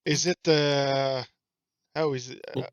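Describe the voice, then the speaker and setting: A man's voice: medium pitch, fairly even intonation, slow pace, clean tone, dry recording, highs cut off. A man playing a tabletop game who laughs a lot and asks hesitant questions. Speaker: player. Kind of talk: casual tabletop play.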